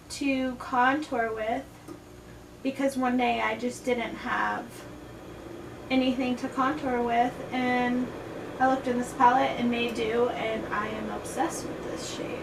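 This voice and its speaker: A tipsy, playful woman giving a casual makeup tutorial, chatting loosely as she works. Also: on the high side. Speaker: makeup video host. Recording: distant, echoey, noisy room.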